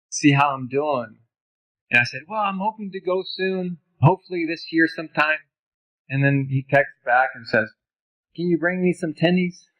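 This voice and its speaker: A man's voice: medium pitch, dull audio. A man who grew up in Honduras, teaching about ministry in a conversational lecture over slides, with personal stories.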